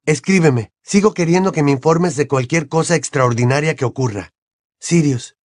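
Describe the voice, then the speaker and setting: A man's voice: on the high side, normal speed, dry recording, pitched above the performer's own voice, close to an everyday voice. A man voicing a teenage boy wizard who talks in a dry, slightly exasperated way. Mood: earnest. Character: teenage boy wizard, wry and a little defensive.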